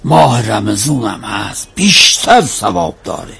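A man's voice: fairly low pitch, big pitch swings, gravelly, fairly bright tone, slightly rough, exaggerated voice. An actor playing a devout, kindly man who pleads in a familiar drama-dialogue way, full of blessings. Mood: earnest, coaxing. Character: devout, kindly, persuasive errand man helping charity.

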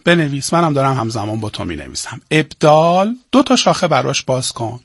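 A man teaching poetic meter for an entrance exam. He talks straight to his students, asks questions and answers them himself, and slows down to spell out each meter. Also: mid-range voice, very animated, slightly rough, no room sound, studio quality. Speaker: Persian literature teacher. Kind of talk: exam-prep lesson.

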